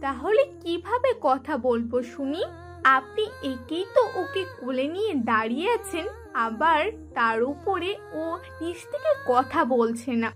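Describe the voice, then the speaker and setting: A woman's voice: sits high, very animated, unhurried, fairly bright tone, faint music behind, heavily acted. A woman voicing a protective, defiant young woman friend in an audio drama, asking pointed, challenging questions.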